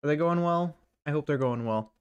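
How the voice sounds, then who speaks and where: A woman's voice: low voice, brisk, clean tone, lo-fi sound. A young woman co-hosting a casual streamed podcast, playful and teasing, chatting with viewers.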